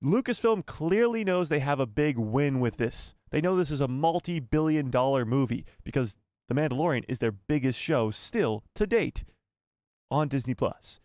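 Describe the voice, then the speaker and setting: A man hosts a casual live news stream for fans, reading items and wandering into rambling, self-correcting asides to viewers. His medium-pitched voice is lively and a little mellow at a moderate pace, and the studio-quality audio has no room sound. Spanish isn't his first language.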